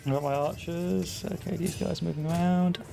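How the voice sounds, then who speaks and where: A man's voice: a little high, fairly even intonation, moderate pace, gravelly. A man giving casual, blunt, sweary commentary as he plays a game. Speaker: gamer. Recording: game music behind the voice.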